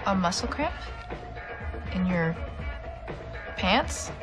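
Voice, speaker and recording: A protective young American woman in a TV drama. Her mid-pitched voice is pointed and plain-spoken, with music clearly playing behind it. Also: lively intonation, very slow. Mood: needling. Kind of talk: television drama acting. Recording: dialogue over background music.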